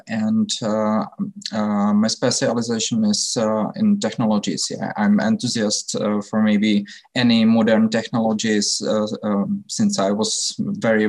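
A man's voice: fairly low pitch, a little mellow. A thirty-year-old man with a Czech accent, a non-native speaker explaining things in an unscripted interview and often searching for words. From Czech Republic. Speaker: interview guest, technology innovator.

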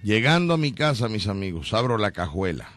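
Animated Mexican radio host man. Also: on the low side, fairly quick, faint music behind. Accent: Mexican Spanish. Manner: animated storytelling, acts out quotes. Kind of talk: casual radio banter.

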